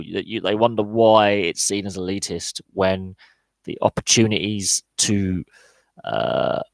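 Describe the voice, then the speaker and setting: Vocal fry colours this podcast host's lowish voice, recorded roughly with no echo. During a live Q&A he answers chat and talks through his opinions forcefully, leaning on fillers, repeated words, and restarts.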